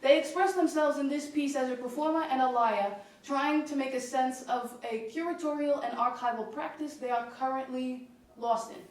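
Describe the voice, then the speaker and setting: A woman performing as a pompous fake scholar with a put-on theatrical accent, lecturing in deadpan mock authority. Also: sits high, moderate pace, pitched above the performer's own voice, close to an everyday voice. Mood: grandiose. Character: pompous fake male scholar, loud, smug. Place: echoey school exam room. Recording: echoey room, mic from far off.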